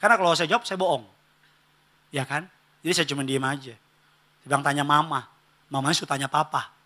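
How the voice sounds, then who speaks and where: A man preaching a sermon in a church, animated and humorous, swinging between loud exclamations and hushed asides and acting out family dialogue. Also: on the high side, quick pace. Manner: acts out family dialogue in character voices. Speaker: pastor.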